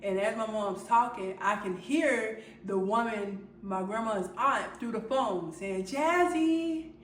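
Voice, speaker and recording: A woman vlogger telling a personal story in a halting way, with many fillers and restarts. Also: medium pitch, fairly even intonation, a bit bright, slight background noise. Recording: roomy sound from a distant mic.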